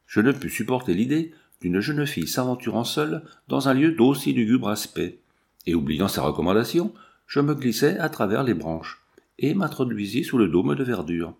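A man narrating a literary novel as an audiobook, in an even, measured reading. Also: mid-range voice, creaky.

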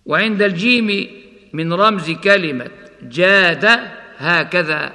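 Slow, measured male recitation teacher, chanting examples melodically, long reverb tail. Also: high-pitched, bright, forceful tone. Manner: explains each rule, then chants the example words slowly. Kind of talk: tajweed lesson with recited examples.

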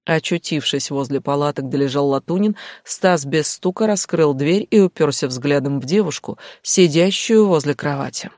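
Brief: male audiobook narrator, even storytelling, slightly high voice, dry studio sound. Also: normal speed, hardly any pauses, no room sound.

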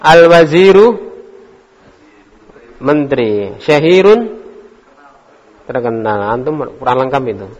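Slow-speaking man teaching an Arabic class. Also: medium pitch. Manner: calls on students by name, quizzes and corrects them. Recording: echoey hall, dull lo-fi recording.

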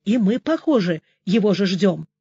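A woman voicing a gruff, joking male police officer in an audiobook, grumbling and mocking. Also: mid-range voice, big pitch swings, normal speed, warm tone, no room sound, lo-fi sound.

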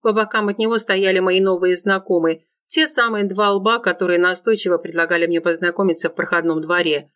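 Audiobook narrator, mid-pitched. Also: fairly even intonation, brisk, hardly any pauses, fairly bright tone, dull audio. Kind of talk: first-person novel narration.

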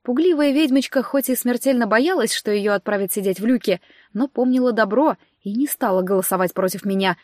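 A woman narrating a fantasy audiobook in the first person, in a steady, expressive storytelling manner, on a close microphone. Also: on the high side, a little fast, no echo.

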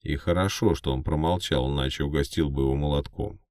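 Male audiobook narrator, first-person fiction, very deep register, dry studio-like sound. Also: fairly even intonation, fairly quick, a little mellow, no room sound.

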